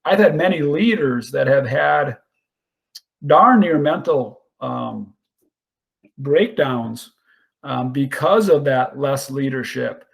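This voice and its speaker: A man's voice: medium pitch, lively intonation, slow, gravelly. A man hosting a podcast, talking in an earnest, casual way with frequent restarts and repeated words. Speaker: podcast host.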